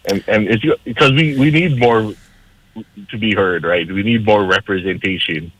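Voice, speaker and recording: A man from Hawaii seeking a council seat appears on radio for a casual conversation, making an earnest, persuasive, civic-minded pitch. His fairly low, fairly bright voice moves at a moderate pace, and the dry recording sounds slightly dull and lo-fi.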